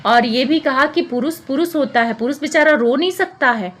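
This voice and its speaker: A woman vlogger recaps and judges other people's disputes in informal gossip commentary, sounding accusatory and repeating herself. Her voice sits high and a bit bright, at a moderate pace.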